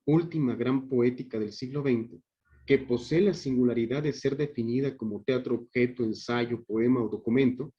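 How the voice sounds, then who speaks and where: Speaking over a video call with dull audio, a conference speaker and theatre director formally reads out an academic paper in a literary style. He comes from Monterrey and has a northern Mexican accent, with medium pitch and a moderate pace.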